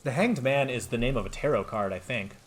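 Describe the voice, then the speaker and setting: Excitable man streaming a game. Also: medium pitch, a little fast. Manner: excitable, chatty, talks to viewers. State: tired throat. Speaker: streamer playing a video game. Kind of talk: let's play commentary.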